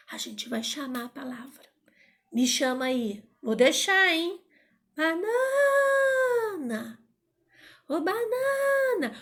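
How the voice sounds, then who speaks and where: A woman teaching a grammar lesson in a playful manner, sometimes calling out words loudly to find the stressed syllable. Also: sits high.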